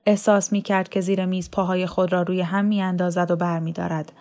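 A woman reading a novel aloud in a calm, even, measured storytelling manner. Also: lowish voice. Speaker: story reader. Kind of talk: audiobook narration of a novel.

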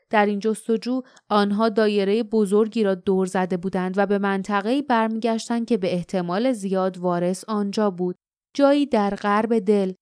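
A woman narrating an audiobook in a calm, measured storytelling manner, close to the microphone. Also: medium pitch, smooth, no room sound.

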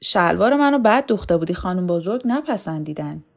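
A woman's voice: lowish voice, lively intonation, gravelly. A woman doing a blunt, grumbling man.

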